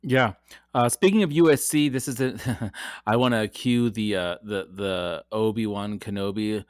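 A man's voice: on the low side, measured pace, no room sound, clean studio sound. A man co-hosting a podcast, chatting casually about football with frequent ums and restarts. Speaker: podcast co-host. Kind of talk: casual sports chat.

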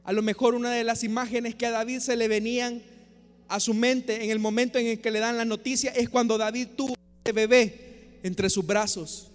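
High-voiced preacher in an echoing church. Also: male voice, flat delivery, normal speed. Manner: impassioned, rhetorical questions, swings between loud and soft. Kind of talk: sermon. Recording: long church reverb.

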